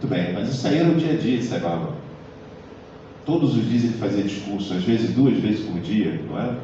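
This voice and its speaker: A man's voice: lowish voice, animated, fairly quick, mellow, slight background noise. Man lecturing in an echoey hall. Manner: conversational, often adds tag questions. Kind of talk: live lecture to an audience. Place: lecture hall of a community center. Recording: echoey hall recorded from far off, dull sound.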